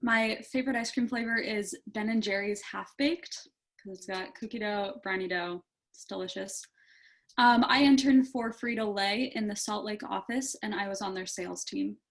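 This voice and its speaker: A woman's voice: mid-range voice, normal speed. A young woman from California introducing herself cheerfully on a webinar panel.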